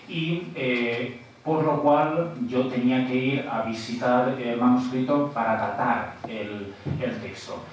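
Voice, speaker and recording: Man, panelist, explaining at a conference, mid-pitch voice, far from the mic in a booming hall. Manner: explanatory, tags points with "¿eh?" and "muy bien". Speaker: panelist at an academic round table. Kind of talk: conference presentation. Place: large auditorium. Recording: echoey hall picked up from far off, faint noise.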